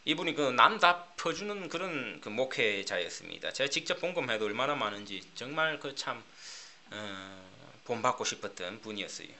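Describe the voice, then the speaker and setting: Animated preacher. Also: male voice, mid-range voice, moderate pace, slight background noise. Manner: animated preaching with rhetorical questions. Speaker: pastor. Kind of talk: sermon.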